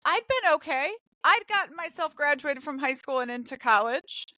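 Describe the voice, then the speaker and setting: A woman's voice: sits high, animated, normal speed, sharp tone, dry recording. A woman who grew up in Brazil and Mexico, hosting a casual podcast chat and telling her own story candidly and with animation. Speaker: podcast host.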